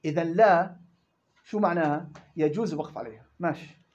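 A man teaching tajweed rules in a classroom lesson, explaining quickly and chanting verse examples in between. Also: on the high side, darkish tone, lo-fi sound. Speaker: Quran recitation teacher.

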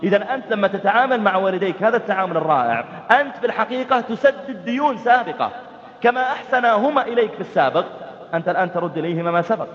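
A man preaching a sermon, telling lively stories, acting out family dialogues and chanting verses. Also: sits high, very fast. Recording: dull, reverberant hall recording.

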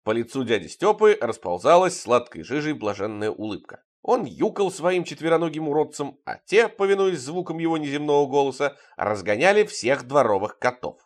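Guy reading a story out loud, wry deadpan delivery, bouncy lively pitch. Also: moderate pace, hardly any pauses. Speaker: audiobook narrator. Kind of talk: first-person story reading.

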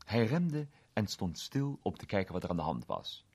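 A man narrating a short story in an expressive, animated reading. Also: sits low, normal speed, breathy edge.

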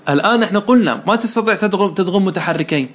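A male teacher talks fast in a fairly high voice as he walks a student through grammar rules. He keeps firing short questions and praising correct answers. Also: a bit bright. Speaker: teacher of Arabic morphology. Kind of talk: one-on-one lesson, question and answer.

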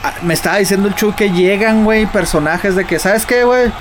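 A man with a Mexican accent bantering casually and excitably, full of slang and repeated phrases. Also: high voice, a little fast. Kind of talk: casual banter, mock fight commentary. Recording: clear background noise.

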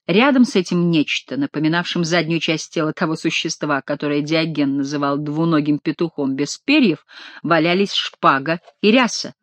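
A woman reading an audiobook aloud with expressive storytelling narration. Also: low voice, moderate pace, dry recording.

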